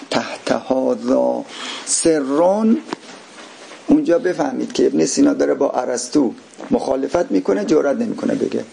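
A man giving a classroom philosophy lecture, often checking that the class agrees and slowing down to stress key terms. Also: medium pitch, creaky, mellow, a little hiss or hum.

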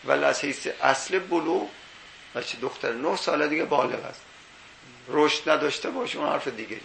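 A man lecturing on jurisprudence with a heavily gravelly, bright, slightly high voice. He reasons point by point, weaving in Arabic quotations and rhetorical questions. The sound is roomy, as in an echoey classroom. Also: a little hiss or hum. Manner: explains step by step, quoting Arabic texts and asking rhetorical questions. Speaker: teacher of Islamic jurisprudence.

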